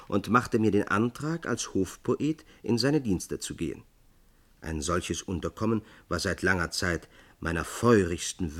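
A man voicing a vain, flowery young male poet in an audiobook tale, pompous and effusive. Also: fairly low pitch.

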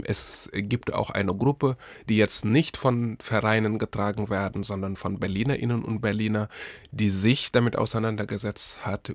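A Senegalese literary scholar and curator appears as a guest in a radio interview, answering thoughtfully and searching for words. His voice sits on the low side, and the recording is dry.

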